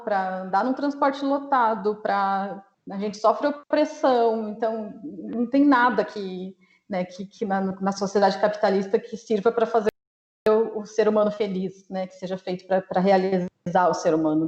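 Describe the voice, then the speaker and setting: A woman from southern Brazil talks earnestly as a guest over a video call, circling back with fillers and restarts. Her mid-pitched voice sounds roomy and a little muffled. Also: normal speed, a little mellow. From Rio Grande do Sul, Brazil. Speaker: guest, mental health blogger. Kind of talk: casual spoken explanation on a live stream. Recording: echoey room, muffled live-stream audio.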